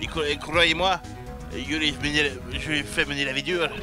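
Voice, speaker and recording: A man's voice: fairly high pitch, steady tone, normal speed, music in the background, close to an everyday voice. A man voicing a cold, domineering woman who runs a studio, with a curt, condescending way of talking. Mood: scornful.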